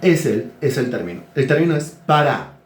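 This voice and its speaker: A man's voice: medium pitch, very animated, normal speed, roomy sound, slight background noise. A man preaching a teaching sermon, asking his listeners questions and telling them what to write down. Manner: asks the congregation questions and dictates words to write. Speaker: pastor.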